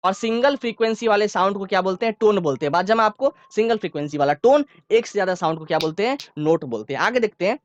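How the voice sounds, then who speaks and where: A man's voice: sits high, expressive, fast, hardly any pauses, highs cut off, slight background noise. A man teaching a science lesson to school students, explaining step by step, repeating key terms and often checking whether they understood. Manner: informal, repeats key phrases. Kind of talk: online classroom lecture.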